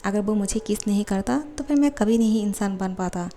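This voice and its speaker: A woman voicing a shy young man who muses quietly to himself, lovesick and unsure. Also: mid-range voice, normal speed, close to an everyday voice. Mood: wistful. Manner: quiet musing inner voice.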